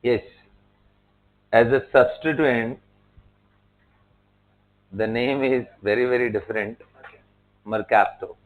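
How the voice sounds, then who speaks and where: A man's voice: medium pitch, fairly even intonation, drawn-out words, long pauses. A man teaching a chemistry class in a lecture style, spelling out terms letter by letter and checking in with his students. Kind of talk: classroom lecture mixing Hindi and English. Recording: tinny phone-like lo-fi sound.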